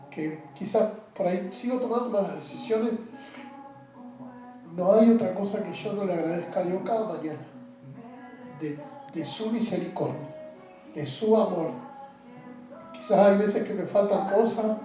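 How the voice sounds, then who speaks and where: A man tells his personal story in an interview, his high, dark, mellow voice often stumbling over repeated words and sinking low. He sits away from the mic in a very echoey room, with faint music underneath. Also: far from the mic. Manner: halting, repeats words, trails off quietly. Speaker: interview guest.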